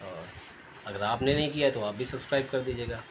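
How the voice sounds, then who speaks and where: A man's voice: mid-range voice, fairly quick, a little hiss or hum, rough recording. A young man chatting casually in a vlog, recorded on a phone camera, laughing at himself now and then. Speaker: vlogger.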